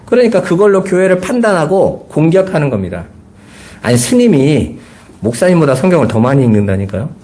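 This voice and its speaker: A middle-aged pastor delivers a Sunday sermon in an earnest preaching manner. He keeps posing rhetorical questions to his congregation. His man's voice sits somewhat high. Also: very animated, a little fast, dark tone.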